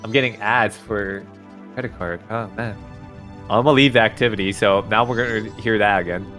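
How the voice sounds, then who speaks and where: A man's voice: fairly low pitch, fairly even intonation, fairly quick, fairly bright tone, faint music behind. Hyped gamer-bro man commentating a race. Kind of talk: casual live game commentary.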